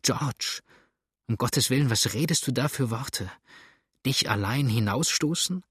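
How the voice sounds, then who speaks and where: A man's voice: medium pitch, measured pace, breathy edge, no echo, clean studio sound. A man reading a frightened devoted wife. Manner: startled, fearful, soft. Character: anxious devoted young wife.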